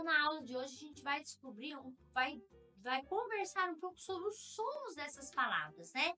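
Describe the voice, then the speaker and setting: High bright-voiced Central-West Brazilian teacher. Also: female voice. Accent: Central-West Brazilian Portuguese. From Goiás, Brazil. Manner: patient, explains step by step with frequent "né" and "então". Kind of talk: online class explanation.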